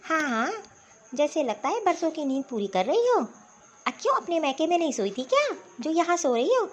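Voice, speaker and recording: A woman's voice: high-pitched, sing-song, a little fast, muffled recording. A woman voicing a bossy, taunting middle-aged mother-in-law in a cartoon story. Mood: scolding. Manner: scolding, taunting.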